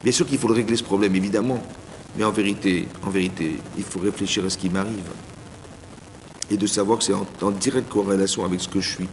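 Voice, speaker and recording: A rabbi gives an informal Torah class as a sermon in a community hall, speaking fast in a low voice. He's animated, talks straight to his listeners, and acts out little dialogues. The hall is reverberant, with faint background noise.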